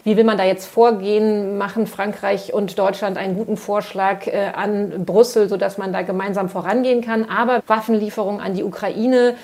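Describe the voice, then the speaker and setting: A woman correspondent talks through her analysis in an interview. Her pitch is medium and her phrasing unscripted. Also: steady tone, moderate pace, hardly any pauses, darkish tone. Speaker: news correspondent. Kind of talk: spontaneous analytical interview answers.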